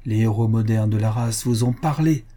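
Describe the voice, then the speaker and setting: A man's voice: on the low side, moderate pace, dark tone, lightly acted. A man voicing a zealous bearded prophet who speaks in an impassioned, declamatory way. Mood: triumphant.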